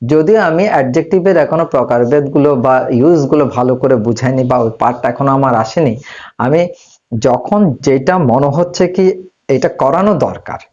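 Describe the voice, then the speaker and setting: In a whiteboard room, a man teaching English walks slowly through a grammar lesson, asking himself questions and answering them. The audio loses its high end, leaving his mid-range voice with a darkish tone.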